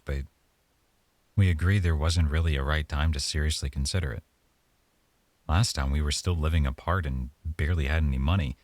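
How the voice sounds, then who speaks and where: In an intimate ASMR roleplay, a man with a very deep voice plays a young boyfriend who is affectionate but hesitant. He speaks softly and haltingly, thinking out loud in full character voice. There is no echo on the recording.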